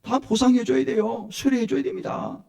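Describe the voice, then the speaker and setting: A man's voice: very high voice, steady tone, normal speed, gravelly, a little mellow. A man preaching a Sunday sermon as pastor, asking the congregation to repeat lines after him and say amen. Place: church sanctuary.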